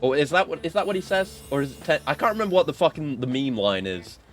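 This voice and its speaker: A man's voice: on the high side, expressive, fast. A man giving casual playthrough commentary, reading game dialogue aloud and adding joking, sarcastic asides. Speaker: video game streamer. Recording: game music behind the voice.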